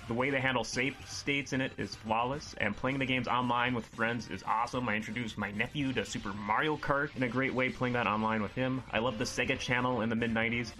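A man delivers a scripted retro games roundup with eager, list-heavy enthusiasm. His voice is bright and forceful, a little worn as he admits he is losing it. Faint music plays underneath. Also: mid-range voice. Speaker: retro segment presenter. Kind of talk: scripted segment read.

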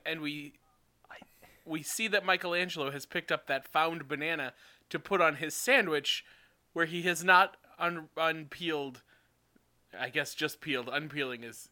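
A man co-hosting a podcast who trades deadpan quips and often laughs mid-sentence. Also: fairly high pitch, moderate pace. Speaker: podcast co-host. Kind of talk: casual chat.

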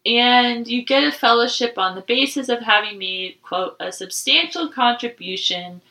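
A woman's voice: a little high, moderate pace, sharp tone, distant mic, low-quality recording. A woman co-hosting a podcast, chatting casually and reading out trivia with frequent laughs. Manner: giggly, reads trivia aloud. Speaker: podcast co-host. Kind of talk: casual chat.

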